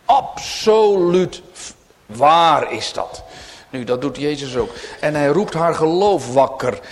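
A man preaching a sermon in a church, swinging between loud declarations and whispers. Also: on the high side, expressive, takes it slowly. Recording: reverberant church hall.

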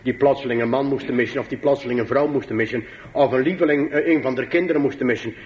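A pastor delivers a sermon to his congregation, slow and emphatic, swinging between high pleading passages and low, quiet asides. The sound is lo-fi.

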